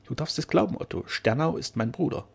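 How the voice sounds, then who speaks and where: A man's voice: on the high side, expressive, brisk, creaky, slightly rough, voice pushed up, full character voice. A man voicing a loving young Spanish noblewoman in a storybook reading, with a pleading, emotional manner. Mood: warm.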